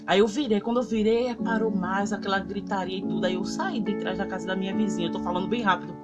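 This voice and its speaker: A woman's voice: medium pitch, fast talker. A Brazilian woman recording on her phone, emotionally recounting a dream in rambling casual speech full of fillers. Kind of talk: casual spoken testimony. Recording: loud guitar music behind the voice.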